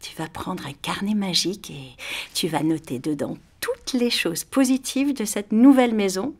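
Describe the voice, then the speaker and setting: A woman voicing a gentle, patient mother in a children's audio story, speaking in a soft, reassuring way. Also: mid-range voice, normal speed, breathy edge, natural voice. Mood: tender reassuring.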